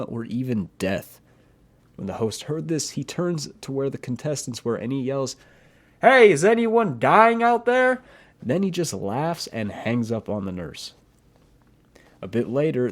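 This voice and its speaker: A man's voice: mid-range voice, dark tone. A man narrating a true-crime story for his channel, in a plain, earnest retelling with a few opinions of his own. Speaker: YouTube horror storyteller.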